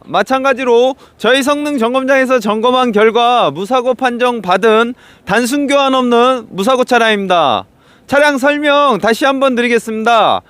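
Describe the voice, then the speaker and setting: A man's voice: extremely high pitch, a bit bright, smooth, no room sound. A man presenting a used car as a dealer, in practised, polite, formulaic salesman patter. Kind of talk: scripted sales walkaround presentation.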